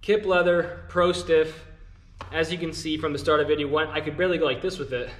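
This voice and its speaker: A man's voice: a little high, fairly even intonation, racing, a bit bright. A young man, out of breath, chatting casually to viewers while showing them how to do something. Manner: chatty, instructive, addresses viewers as guys. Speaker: glove channel host. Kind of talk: casual vlog talk to camera.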